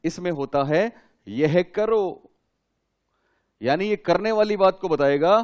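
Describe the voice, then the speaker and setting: A man's voice: high-pitched, takes it slowly, darkish tone, highs cut off. A man lecturing a class, asking his students questions and repeating key terms for them to write down. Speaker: teacher.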